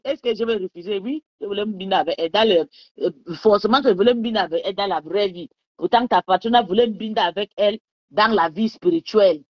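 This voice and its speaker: A woman with a medium-pitched voice talks fast on a casual bedroom live stream, sipping wine as she boasts and taunts her rivals. She rambles and keeps asking viewers whether they understood. The recording is dry and lo-fi.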